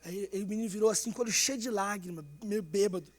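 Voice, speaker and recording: A young male Brazilian pastor preaching a fervent sermon, swinging between shouted exhortation and hushed storytelling. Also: sits high, fast. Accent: Brazilian Portuguese.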